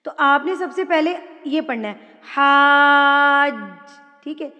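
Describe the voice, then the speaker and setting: Woman, high voice, patient recitation teacher; slow drawn-out reading; reverberant room. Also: lively intonation, fairly bright tone, highs cut off, soft background music. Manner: patient step-by-step explaining. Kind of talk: online tajweed lesson.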